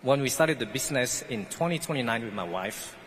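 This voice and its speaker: Speaking briskly with lively intonation, a man from French Guiana tells his life story in an earnest commencement address in English, which is not his first language. His voice is medium-pitched and fairly bright. The echoey hall adds faint ambience, along with a little hiss or hum.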